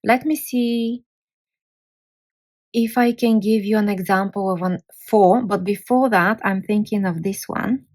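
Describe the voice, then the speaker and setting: Slow, careful woman teacher. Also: mid-range voice, darkish tone. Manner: sounds out letters and syllables one by one. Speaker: language teacher. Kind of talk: slow, careful language lesson.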